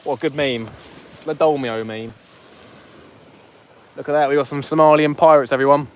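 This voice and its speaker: A man's voice: a little high, normal speed. A man hosting a live fishing stream outdoors on a beach, chatting and joking with viewers through a phone mic. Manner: jokey, chatty, banters with viewers. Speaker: fishing livestream host. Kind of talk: casual live commentary to chat.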